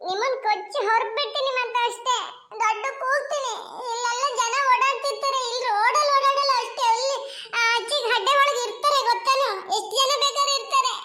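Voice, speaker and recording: Cartoon: quick-tongued village girl, high and bright, voiced by a woman, roomy recording. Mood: pleading. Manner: fast-talking, cheeky, tearful in turns. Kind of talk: Kannada cartoon voice acting.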